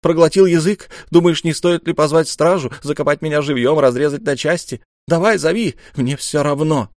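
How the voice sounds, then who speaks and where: In a studio-quality recording with no echo, a man speaks at normal speed in a mid-range, slightly mellow voice, pitched above his natural one yet close to everyday speech. He plays a proud, desperate young noble duelist who pleads in heated, raised outbursts. The mood is indignant.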